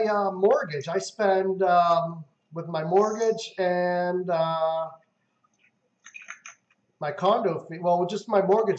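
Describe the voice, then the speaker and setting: A man hosting a live gaming stream, talking in a rambling, chatty way with lots of fillers. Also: sits high. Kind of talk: casual gaming chat. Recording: roomy, dull lo-fi stream audio.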